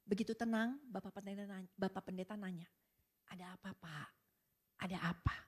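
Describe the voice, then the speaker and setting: A woman pastor preaching to a women's service, telling a story with animated, rising emphasis. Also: medium pitch, fairly quick, slightly rough. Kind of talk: sermon with storytelling.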